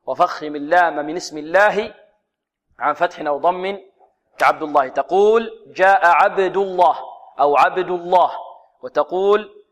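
A man's voice: fairly high pitch, highs cut off. Man teaching Quran recitation drills. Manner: drills sounds, asks the class questions and answers them himself. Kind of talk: tajweed lesson.

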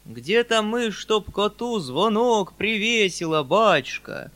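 Humble village peasants, as a male reader acts them out wail and plead in slow, drawn-out cries. The voice climbs far above the reader's own and gets loud and bright. Their speech sounds plain and countrified. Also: high-pitched, animated, pitched above the performer's own voice, full character voice. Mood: plaintive. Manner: wailing, drawn-out, imploring.

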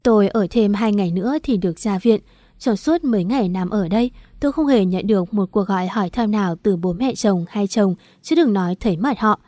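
A woman's voice: mid-range voice, a little fast, no echo, clean studio sound. A woman narrating a first-person audiobook story in an earnest, bitter tone. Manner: earnest, bitter, steady reading.

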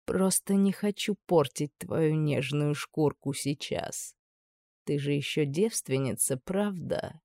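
A menacing older high judge, as a reader puts him on, drawling each threat slowly and in a lowered voice. He sounds cruel and amused, like a villain in a spoken storybook. The recording is dry and close. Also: fairly even intonation, darkish tone, dry recording, lightly acted. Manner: slow, purring, low threats.

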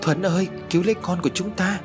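A man's voice: high-pitched, fairly even intonation, fast talker, music in the background, voice pushed up, close to an everyday voice. A man voicing a frightened young pregnant woman who cries out desperately in a horror audio story. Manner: crying out, desperate.

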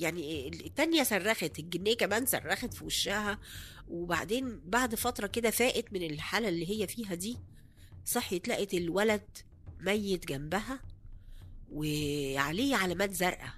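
A woman's voice: fairly low pitch, fairly bright tone. A woman with an Egyptian Arabic accent telling a horror story in a casual, conversational way, with many hesitant fillers and restarts.

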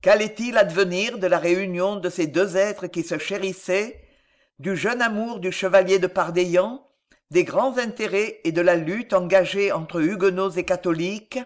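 A man reading a classic novel aloud as an audiobook, measured and expressive with dramatic pauses. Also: sits high. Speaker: audiobook reader.

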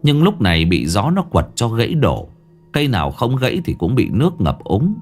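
A man narrating a ghost story in a grave, expressive storytelling voice. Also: medium pitch, normal speed, soft background music.

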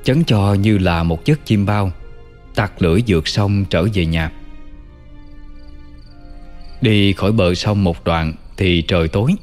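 A man narrating an old folk tale in a calm, measured way. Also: low voice, big-room sound, soft background music. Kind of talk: storytelling narration.

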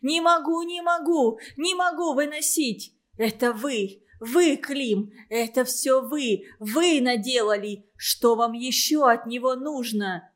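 A woman's voice: slow pace, hardly any pauses. A woman reading an audiobook, voicing a distraught middle-aged mother who shrieks tearful accusations. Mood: hysterical, accusing. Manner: shrill, tearful outbursts.

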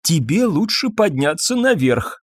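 A man's voice: on the high side, sing-song, unhurried, no room sound, clean studio sound, pitched above the performer's own voice. Man doing a breathless panicky coward. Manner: frantic, whining.

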